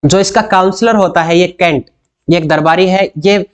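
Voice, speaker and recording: A man from India tutoring literature students for an exam. He reads each English question slowly and deliberately, then explains it briskly and keeps checking in with rhetorical questions. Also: high-pitched. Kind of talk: exam-prep lecture mixing Hindi and English.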